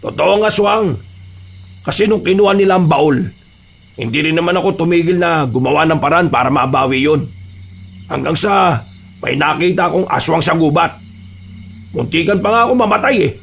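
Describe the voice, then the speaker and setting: A man voicing a calm old family friend who gravely tells of strange thieves in a horror audio drama. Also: on the high side, normal speed, long pauses, slight background noise. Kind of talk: Tagalog horror radio-drama acting.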